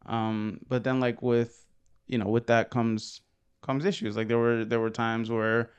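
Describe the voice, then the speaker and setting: Young man podcast co-host, smooth mid voice, hesitant casual talk. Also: medium pitch, flat delivery, measured pace, lo-fi sound. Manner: rambling, hesitant, many fillers, laughs often. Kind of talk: casual conversation.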